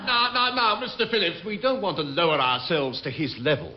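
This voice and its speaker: Pompous navy captain, backseat-driver manner, high excitable swoops, flustered, old radio comedy. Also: male voice, a little fast. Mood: exasperated. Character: flustered, exasperated senior naval captain with pompous authority. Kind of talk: radio sitcom acting. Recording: dull, hissy old radio recording.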